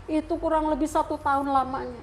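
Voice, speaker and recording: A middle-aged woman from Central Java telling her personal story in an interview, speaking with deep emotion that at times turns tearful. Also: steady tone, fast, a little hiss or hum. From Central Java, Indonesia. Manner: emotional, heartfelt storytelling that rises into tearful prayer. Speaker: interview guest.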